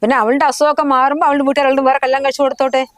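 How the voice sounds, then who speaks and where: A woman's voice: high voice, little pitch movement, very fast, no room sound, close to an everyday voice. Nagging middle-aged mother-in-law, played by a woman. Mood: scolding. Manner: scolding, harsh, nagging. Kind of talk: family short film acting.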